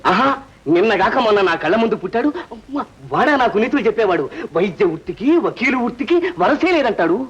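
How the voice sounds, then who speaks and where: A pompous, boastful father in an old film, husky, high and very lively in pitch. He blusters and brags about his family pride. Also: fairly quick, dull audio. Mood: aggrieved boasting. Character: boastful proud middle-aged father of a lawyer daughter.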